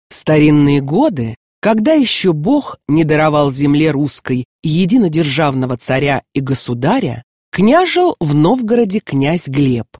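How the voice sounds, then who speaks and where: Woman narrator, low voice, unhurried, expressive storytelling, radio tale reading. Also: breathy edge, dry recording, clean studio sound.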